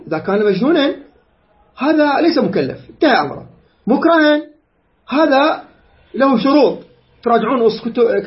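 A man's voice: extremely high pitch, highs cut off. A man giving an earnest religious lecture, explaining rulings point by point and citing sources.

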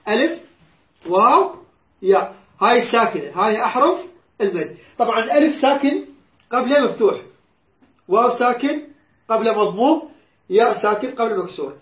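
A woman's voice: a little high, lively intonation, fairly quick, long pauses. A woman with an Iraqi accent teaching a Quran class, patiently repeating words and quizzing her students. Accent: Iraqi Arabic. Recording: roomy dull lo-fi recording.

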